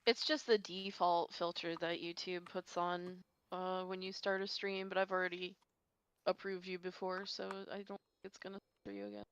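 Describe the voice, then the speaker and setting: A woman's voice: on the low side, normal speed, clean tone, lo-fi sound. A woman co-hosting a game stream, chatting in an easygoing, playful way. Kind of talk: casual gameplay chat.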